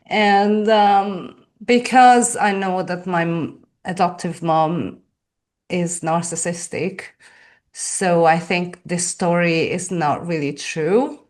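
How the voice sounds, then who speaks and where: Hungarian-accented woman guest, low voice, slow and thoughtful, second language. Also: steady tone. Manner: slow, thoughtful, with soft laughs. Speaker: podcast guest. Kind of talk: casual interview talk.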